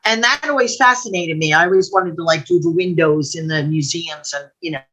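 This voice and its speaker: On a video call from a room at home, an older woman with a low, husky, fairly bright voice talks a little fast over poor audio. A guest storyteller, she shares anecdotes in a chatty, digressive way and quotes people as she goes.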